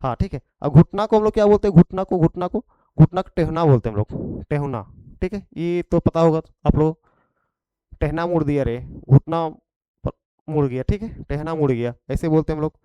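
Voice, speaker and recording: A man's voice: fairly high pitch, a little fast, mellow, clear, resonant tone, dry recording, poor audio. A man with a Khortha accent teaching an exam prep vocabulary lesson, repeating each point and checking in after it.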